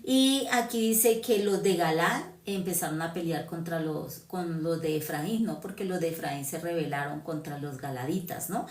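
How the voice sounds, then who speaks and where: A woman's voice: low voice, normal speed, hardly any pauses, distant mic. A woman from Huila, Colombia, with a Huila accent, giving an informal sermon in a conversational way, often checking in with "¿no?" and "¿sí?". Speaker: preacher. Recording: echoey room, voice from off-mic.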